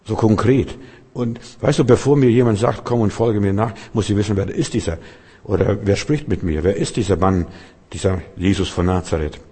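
A man's voice: fairly low pitch, normal speed, dark tone, husky. A man preaching a sermon in an emphatic, searching way. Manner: emphatic, acts out quoted voices. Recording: long hall reverb.

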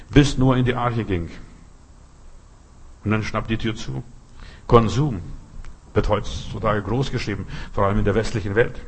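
A man delivers a sermon with a slightly husky voice. He exhorts earnestly and speaks straight to each listener, pressing his points home. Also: mid-range voice. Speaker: preacher.

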